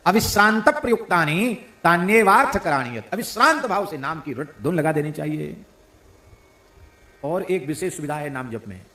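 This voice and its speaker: With a bright, forceful, fairly high voice that's expressive and moderately paced, this spiritual preacher gives a devotional sermon full of chanting. He bursts into sung verses, rises to emphatic declarations, and playfully imitates regional pronunciations, recorded in an echoey room.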